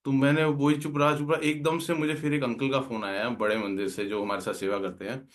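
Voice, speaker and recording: A man's voice: mid-range voice, steady tone, a little fast. A man earnestly telling a heartfelt personal devotional story, slipping English words into his talk. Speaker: guest speaker at a devotional gathering.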